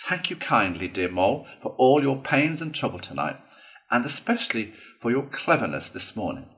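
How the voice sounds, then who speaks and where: A man voicing a boastful, excitable male toad gentleman in a storybook reading, gushing and theatrical. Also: moderate pace. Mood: grateful. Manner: gushing, theatrical, shrill in outbursts.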